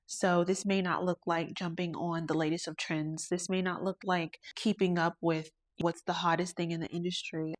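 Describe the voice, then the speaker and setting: A woman with a fairly low voice talks through her own podcast. She is earnest and introspective, and speaks about faith and her work as a lash artist in a thoughtful solo monologue. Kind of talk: reflective solo podcast talk.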